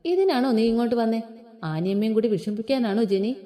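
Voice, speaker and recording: A woman voicing a caring young doctor husband who teases and gently scolds, in a storybook narration. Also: medium pitch, very animated, a little fast, natural voice. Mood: teasing.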